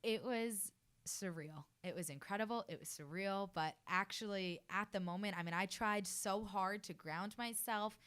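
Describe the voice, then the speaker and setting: Smooth-voiced young woman telling her story. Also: mid-range voice, normal speed, a bit bright. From New Jersey, US. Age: early 20s. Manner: earnest, effusive, many fillers. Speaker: interview guest, fashion design student. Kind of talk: radio interview storytelling. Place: radio studio.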